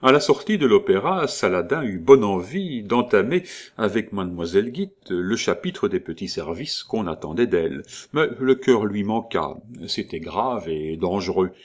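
Man narrating a novel, somewhat low voice, lively expressive intonation, small hesitations. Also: moderate pace. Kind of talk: audiobook reading.

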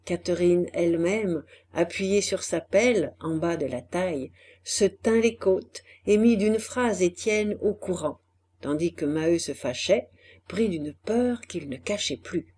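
A woman reading a classic novel aloud as an audiobook narrator, in a measured, deliberate way. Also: on the low side, a little mellow. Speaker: audiobook reader. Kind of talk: scripted literary narration.

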